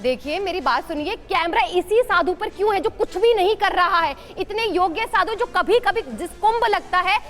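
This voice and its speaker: A woman's voice: extremely high pitch, expressive, moderate pace, few pauses, fairly bright tone, faint music behind. A woman panelist in a TV debate, arguing her point insistently. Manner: insistent, argumentative. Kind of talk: heated debate argument.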